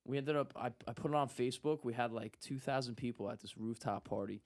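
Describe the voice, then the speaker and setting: A man's voice: medium pitch, fast. New man telling a story. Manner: animated, acts out quotes. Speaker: guest. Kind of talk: casual storytelling.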